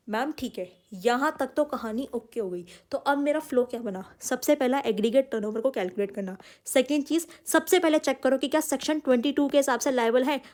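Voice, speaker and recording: High-voiced emphatic woman tutor. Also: darkish tone. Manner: emphatic, addresses students as "beta", mixes English terms. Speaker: commerce tutor. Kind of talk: online exam-prep lecture.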